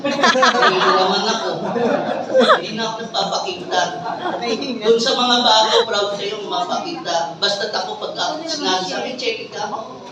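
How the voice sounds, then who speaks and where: A Filipino man gives a lively motivational talk to a live audience and acts out the voices of the people in his story. He sounds far from the mic, and a long echo fills the big hall. Clear room noise sits under his voice. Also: sits high. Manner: animated storyteller, acts out dialogue, laughs with the crowd. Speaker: speaker giving a testimony to an audience.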